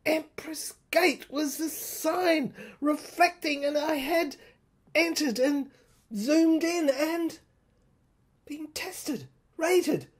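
In a voice that sits high, a woman performs a dramatic first-person monologue. The short, faltering phrases come with pauses, and her breathy, husky sound sometimes drifts down toward a whisper.

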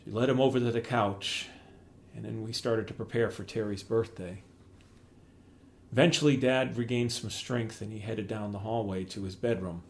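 A middle-aged man reads aloud from a memoir he wrote. His voice sits a bit low for a man, and he tells the story in a plain, measured way. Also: slight background noise. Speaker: author reading his memoir. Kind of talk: memoir reading.

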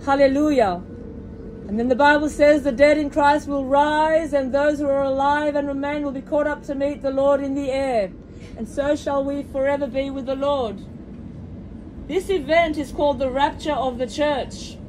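A street preacher, a woman, holds her phone camera as she fervently preaches to train passengers, with repeated hallelujahs and direct appeals. She keeps a steady tone at a moderate pace, but the audio is poor, with loud rumble from the moving train.

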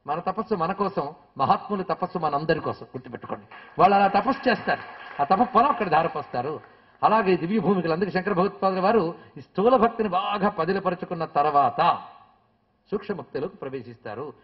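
A high-voiced man gives a devotional discourse, slowly intoning Sanskrit verses before explaining them. He speaks with emphasis and often turns straight to his audience. The sound is dull and lo-fi, like an old TV broadcast. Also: expressive. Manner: emphatic, addresses listeners directly. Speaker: spiritual speaker. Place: hall with a live audience.

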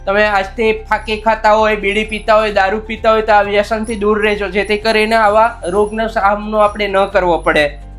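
Gentle consoling young man. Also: high-pitched, little pitch movement, normal speed, faint music behind. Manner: gentle, consoling, repeats himself. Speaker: health volunteer caring for a patient. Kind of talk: earnest appeal to viewers.

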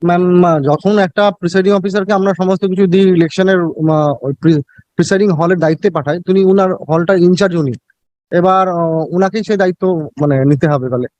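A man with a Bengali Indian accent answering in court as an election officer, deferential and defensive, with halting repeated words. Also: high-pitched, darkish tone, dry recording, highs cut off. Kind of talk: answering questions in a court hearing.

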